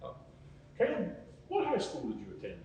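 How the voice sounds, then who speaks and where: A man presenting an unscripted campus tour and interviewing as he goes, with a halting delivery that repeats words. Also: sits high, huge pitch swings, mellow. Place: echoey indoor campus building. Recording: very echoey, distant mic, noisy ambience.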